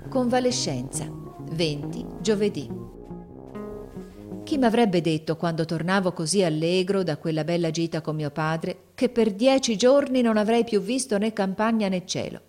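A woman reading a classic novel aloud as audiobook narration, gently and in measured phrases. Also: lowish voice, faint music behind.

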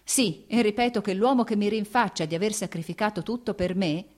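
A woman's voice: medium pitch, a little fast, a little mellow, voice pushed up, lightly acted. A woman reading the lines of a proud, jealous young noblewoman, impassioned and accusing. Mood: wounded.

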